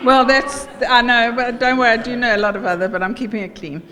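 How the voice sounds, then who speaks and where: A middle-aged South African woman gives an informal wedding toast as mother of the bride, chatty, jokey and halting. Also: on the high side, fairly even intonation, crowd noise. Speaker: mother of the bride giving a speech. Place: wedding reception room. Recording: echoey hall, background noise.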